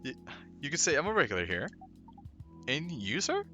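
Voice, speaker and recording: A man's voice: on the high side, huge pitch swings, normal speed, bright, forceful tone, soft background music, pitched above the performer's own voice, full character voice. A man voicing a friendly, talkative young woman who is a café regular in a game. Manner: friendly, forward questions.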